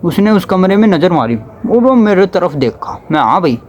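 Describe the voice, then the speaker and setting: A young man tells a casual storytime in a high-pitched voice that thickens when he quotes relatives and teachers. His delivery is chatty and loose. A faint hum of background noise sits under the recording. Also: expressive, moderate pace, a little mellow, lo-fi sound. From Haryana, India. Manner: chatty, slips into dialect when quoting others.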